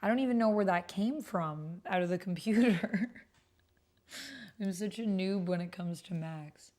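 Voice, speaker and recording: Warm in tone and a little slow, her voice sits at a medium pitch. She's a woman livestreaming as host of an online roleplaying game, keeping the chat casual, voicing her thoughts and occasionally mumbling to herself.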